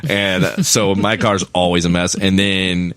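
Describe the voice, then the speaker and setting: Low, dry-voiced male podcast co-host. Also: little pitch movement, unhurried, a bit bright, smooth, no room sound. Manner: rambling, frequent restarts and fillers. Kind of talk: casual podcast chat.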